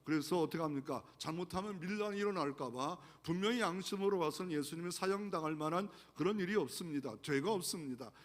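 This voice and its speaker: A man's voice: high voice, quick pace, hardly any pauses. A man pastor delivering an earnest sermon, asking the congregation rhetorical questions. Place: large church sanctuary. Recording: long church hall reverb.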